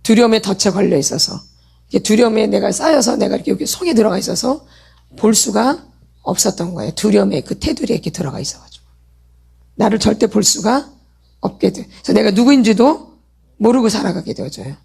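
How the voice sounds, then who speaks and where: A woman's voice: medium pitch, lively intonation, brisk, gravelly, darkish tone, breathy edge. A middle-aged woman leading a church healing meeting who keeps asking the audience questions and answering them herself. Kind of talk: sermon lecture with call-and-response questions.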